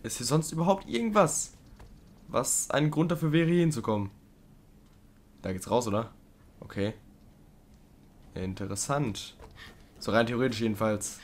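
A man doing casual let's play commentary, chatting with the game creature, pleading loudly at times and muttering low at others. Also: normal speed, long pauses. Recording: game music playing underneath. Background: game music.

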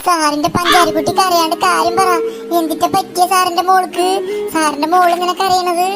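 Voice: extremely high pitch, flat delivery, a little fast, loud music behind the voice. A dubber voicing a doting male schoolteacher who coaxes a crying pupil in a sugary, repetitive way. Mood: coaxing. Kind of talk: fan cartoon dub.

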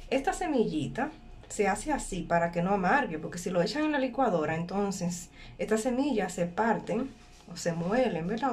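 A woman's voice: mid-range voice, a little mellow. A woman casually demonstrating a recipe step by step, often repeating herself and checking in with the listener. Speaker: home cooking vlogger. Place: small indoor kitchen at a workplace. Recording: clear background kitchen noise.

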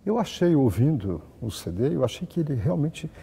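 A man's voice: medium pitch, big pitch swings, normal speed, vocal fry, loud music behind the voice. A middle-aged man with a Brazilian accent, hosting a conversational celebrity interview. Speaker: television host, interviewer. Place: indoor hotel room set up for interview.

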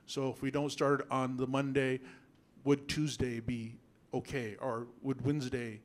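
A man in his thirties from a reservation in Washington, giving halting, earnest remarks at a school board meeting on a handheld mic, his voice nervous and shaky. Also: mid-range voice, level tone. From Yakama Reservation, Washington. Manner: halting, earnest, clears throat often. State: nervous, voice shaking. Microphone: handheld microphone.

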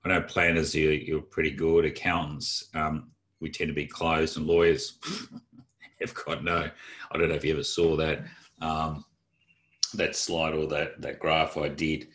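Very deep-voiced man, flat delivery. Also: measured pace. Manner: open, chatty, many fillers and restarts. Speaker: presenter of a training session for advisers. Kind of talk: casual, rambling talk to colleagues.

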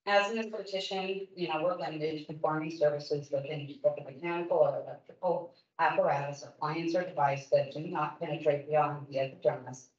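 Addressing a licensing board during public comment, a fifty-something Oregon esthetician speaks earnestly and with emphasis in a big meeting room. Her low, steady voice moves fairly quickly with few pauses, heard through a distant room mic that gives the audio a roomy, dull, far-off quality.

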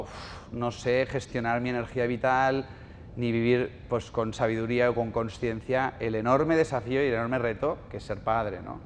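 Telling stories with an ironic edge, this man gives a live lecture to an audience in a bookshop event space and asks them questions. His voice sits in the mid-range, the sound is roomy, and there's a little hiss or hum.

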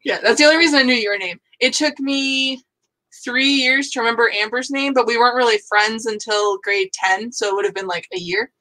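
A woman's voice: on the high side, steady tone, brisk, bright, forceful tone. A young woman, chatting casually as co-host and acting out her own reactions. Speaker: co-host of writing sprint stream. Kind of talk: casual chat.

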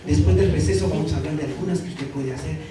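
Animated Guatemalan man lecturing in an echoey hall. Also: fairly high pitch, fast, a crowd in the background. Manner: animated, addresses the audience as colleagues. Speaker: teacher trainer. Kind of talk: workshop lecture. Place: large hall. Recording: echoey hall from far off, noisy.

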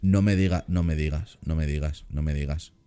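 A man giving casual, excitable commentary while playing a zoo game, often repeating words in quick bursts. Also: rumbling low, smooth, dry recording. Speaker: gaming YouTuber reacting to a zoo build.

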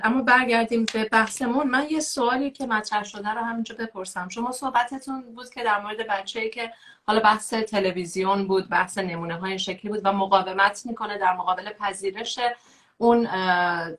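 A woman hosting a talk interview. She speaks in a measured way and puts viewer questions to her guest. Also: mid-range voice, steady tone, a bit bright. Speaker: host.

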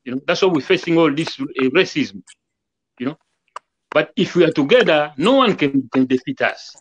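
Male guest on a webcam call, earnest and repetitive, slightly high voice, faint hiss. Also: expressive, moderate pace, highs cut off. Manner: earnest, preachy, repeats himself, acts out quoted greetings. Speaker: guest musician. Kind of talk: casual interview talk over video call. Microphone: video call webcam.

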